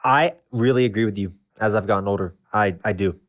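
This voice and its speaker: A man hosts a relaxed podcast conversation. His voice sits a little low. He speaks casually and bluntly, mostly in short replies and plain opinions. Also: fairly quick. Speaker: podcast host.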